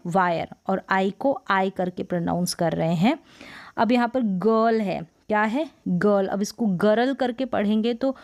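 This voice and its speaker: Woman teaching English pronunciation. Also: medium pitch. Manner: repeats each word, asks "what is it?" and answers herself. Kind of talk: explaining a word list in a lesson.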